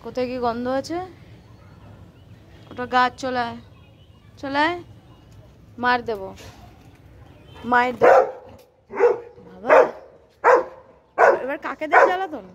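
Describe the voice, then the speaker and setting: A woman with a high, light voice scolds and coaxes her dog during a walk outside. She repeats short commands again and again. The outdoor phone recording has clear background noise and dog sounds. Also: takes it slowly, long pauses, lo-fi sound. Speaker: dog owner. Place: outdoors on a street.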